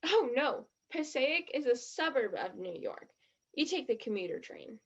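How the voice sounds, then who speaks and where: Performing a one-act play, this actress voices a keen teenage girl at normal speed, very animated and exaggerated. Her pitch is high and her delivery gushes with theatrical sincerity. The audio comes across a bit muffled and lo-fi.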